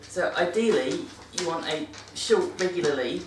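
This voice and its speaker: In a casual monthly vlog about looking after dogs, a British woman talks at normal speed in an animated, fairly low-pitched voice. She's chatty and rambling, often correcting herself mid-sentence. A distant mic gives a roomy sound, plus a little hiss or hum.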